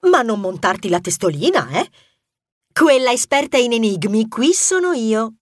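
A woman playing a cheeky, bold female mouse adventurer who teases her friends and bosses them around. Her voice sits high and leaps up and down constantly, close and dry as in a storybook audiobook. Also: big pitch swings, moderate pace, dry recording. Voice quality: teasing, playful, bossy. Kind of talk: audiobook character voice.

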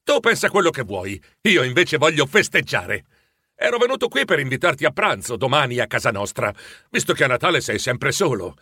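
A man's voice: mid-range voice, big pitch swings, a little fast, slightly rough, no echo, studio quality, heavily acted. A man doing a cheerful young nephew. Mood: good-natured. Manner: bright, friendly, upbeat.

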